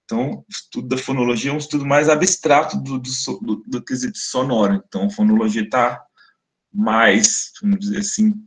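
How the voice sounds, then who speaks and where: A man's voice: medium pitch, steady tone, a little fast. Brazilian man lecturing on phonetics. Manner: explanatory, demonstrates speech sounds aloud, frequent "né?" tags. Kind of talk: academic webinar lecture.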